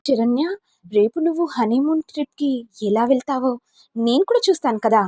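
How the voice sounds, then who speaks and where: A woman's voice: high-pitched, brisk, warm tone, no echo. A woman voicing a scheming sister-in-law in a story, talking in a falsely sweet, innocent way. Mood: gloating.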